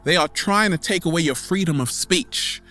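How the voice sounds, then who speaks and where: Faint music sits behind a man whose voice is on the high side, pushed and bright. He hosts a vlog, offering his online followers a theatrical, playful motivational monologue built on repeated catchphrases and drawn-out emphasis.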